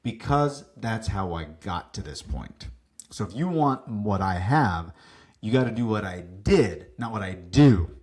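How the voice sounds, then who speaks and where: A man telling stories as a guest on a business podcast, lively, acting out what people said, with some casual swearing. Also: on the low side, measured pace. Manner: animated, acts out quoted dialogue, casual swearing. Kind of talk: casual interview storytelling.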